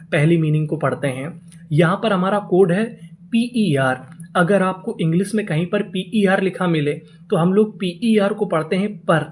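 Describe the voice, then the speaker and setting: Slow, repetitive reading teacher. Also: medium pitch, a little mellow. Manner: asks a question, then answers it right away; spells words letter by letter and draws them out slowly. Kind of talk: classroom lesson for Hindi speakers.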